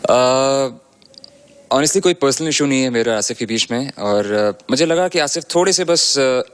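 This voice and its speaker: A man, a reality show contestant, giving a hesitant statement full of filled pauses. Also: mid-range voice, clear, resonant tone. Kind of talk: confession-room statement.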